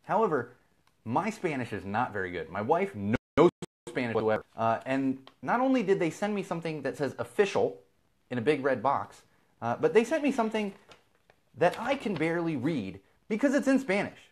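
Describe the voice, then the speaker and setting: A man's voice: on the high side, very animated, normal speed. A man from Southern California hosting a live feed, ranting casually and with exasperation, swearing freely. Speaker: podcast host.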